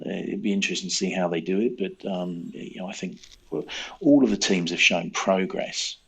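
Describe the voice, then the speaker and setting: A man's voice: deep voice, a bit bright, slightly rough. A man co-hosting a casual motorsport podcast, hesitant and full of ums and you-knows. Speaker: podcast co-host.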